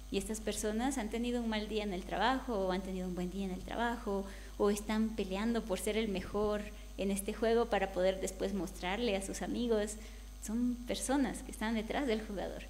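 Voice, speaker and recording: A woman's voice: medium pitch, a little mellow, slight background noise. A woman speaking candidly on a panel, talking conversationally and slipping into quoted voices now and then. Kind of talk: panel discussion. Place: event hall.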